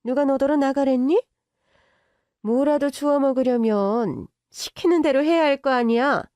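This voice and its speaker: A woman's voice: high-pitched, a little slow, warm tone, no room sound, clean studio sound, pitched above the performer's own voice. A woman voicing a haughty, contemptuous middle-aged mother-in-law who scolds and belittles in a story drama. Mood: scornful. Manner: sneering, bossy, scolding in banmal. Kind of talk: audio drama story reading.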